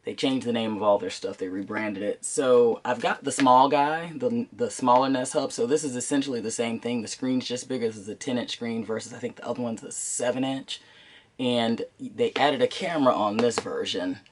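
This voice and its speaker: A man's voice: mid-range voice, moderate pace. A man with a congested, sinus-affected voice giving a casual unboxing commentary as a channel host, informal and thinking aloud as he goes.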